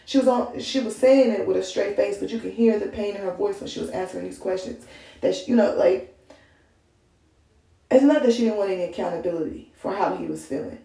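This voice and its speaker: A young woman talks through her thoughts in a casual podcast monologue, circling back and restarting as she goes. Her voice is mellow with a gravelly fry. It comes from a little way off the mic, in a roomy space. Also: mid-range voice, fairly quick, far from the mic. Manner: musing, rambling with restarts. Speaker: podcast host.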